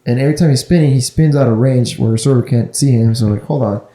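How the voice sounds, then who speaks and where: A man's voice: medium pitch, fast, dark tone, reverberant, rough recording. A man co-hosting a podcast, chatting casually, restarting often and correcting comic details. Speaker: podcast co-host. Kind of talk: casual chat about movies and comics.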